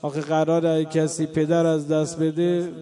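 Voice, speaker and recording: A man preaching a mourning sermon to a live gathering indoors. He moves between soft storytelling and loud, drawn-out chanted lament. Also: fairly high pitch, level tone. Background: live congregation.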